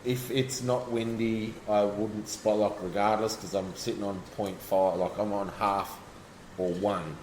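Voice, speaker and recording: Low-voiced Australian man in an echoey room. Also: level tone, measured pace, a little mellow. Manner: rambling, restarts, explains fishing technique. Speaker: guest angler. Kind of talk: casual chat. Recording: echoey room, faint background noise.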